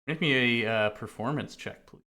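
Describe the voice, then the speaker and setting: A man's voice: medium pitch, normal speed, sharp tone. A man narrating a tabletop game as game master.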